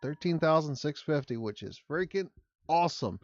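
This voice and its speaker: A man hosting a casual chat with fellow radio hobbyists, talking in a relaxed, rambling way. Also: a little high, moderate pace, no room sound, dull audio. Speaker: channel host.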